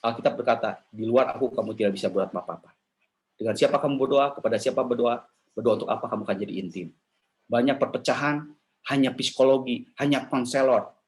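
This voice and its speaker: A man giving a lively, casual sermon to a women's church gathering, asking the audience questions and slipping into quoted voices. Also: medium pitch. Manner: animated, jumps into playful quoted voices and asks the audience questions; casual slangy talk mixed with formal preaching.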